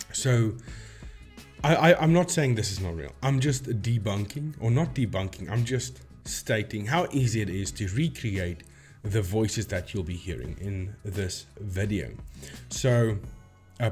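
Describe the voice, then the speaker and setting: A man who hosts a paranormal debunking video channel explains things informally, frequently pausing to rephrase. His voice sits on the low side and is a little mellow.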